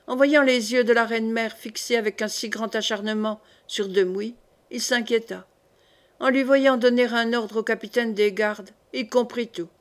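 A woman narrating a historical novel as an audiobook reader, in a steady reading voice. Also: a little high, normal speed.

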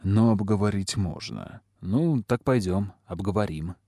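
A man's voice: on the low side, animated, dark tone, no echo, studio quality. Man doing a mumbling old guard. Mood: measured. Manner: slow, mumbling. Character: gruff older male guard, cautious and wise.

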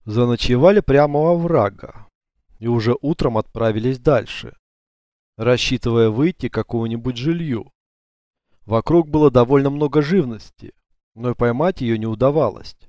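A man narrating an audiobook in an even, measured storytelling manner, on a close studio mic. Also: mid-range voice, dry recording. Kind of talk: scripted narration.

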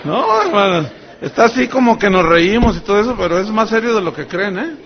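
A man, a pastor telling a story in a folksy, animated sermon, speaking straight to the congregation. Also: sits high, brisk, highs cut off.

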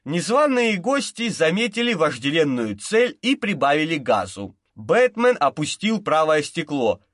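A man narrating an audiobook with lively, expressive storytelling. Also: fairly high pitch, unhurried, no echo, studio quality. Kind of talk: audiobook narration of a crime novel.

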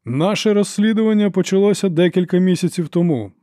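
A man voicing a suave, scheming older inquisitor in an audiobook, with a measured, melodious voice and a theatrical manner. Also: high voice, dry recording, clean studio sound, pitched above the performer's own voice, close to an everyday voice. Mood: triumphant. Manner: smooth, theatrical, turns to shouting accusations. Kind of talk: audiobook character voice.

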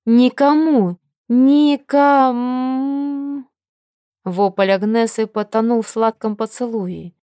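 A woman's voice: medium pitch, a little mellow, dry recording. Woman reading an audiobook, dry sound. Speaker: audiobook narrator. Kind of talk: scripted first-person narration.

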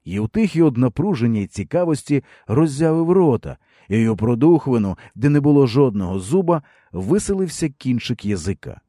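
Expressive male audiobook narrator. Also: medium pitch, moderate pace, few pauses, no echo, studio quality. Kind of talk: scripted narration of a historical novel.

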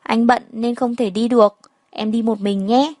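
An affectionate young husband, read by a woman narrator in a storybook, relaxed and easygoing. The voice sits fairly high and the sound is dry and close. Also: normal speed, no echo, natural voice.

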